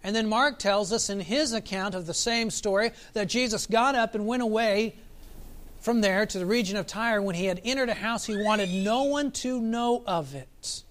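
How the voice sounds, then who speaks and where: A man preaching a sermon as pastor, reflective, asking his listeners questions and slowing down for emphasis. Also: high voice, a bit bright. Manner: reflective, asks the congregation questions, varies pace for emphasis.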